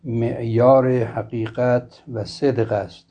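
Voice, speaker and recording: A man giving a formal philosophy lecture in a slow, measured, scholarly way, often clearing his throat. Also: mid-range voice, flat delivery, mellow. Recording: dull lo-fi recording.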